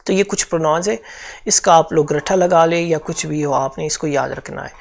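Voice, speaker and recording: A man's voice: fairly high pitch, moderate pace, gravelly. A man with a Pakistani accent teaching a grammar lesson for exam preparation, explaining step by step and repeating key points.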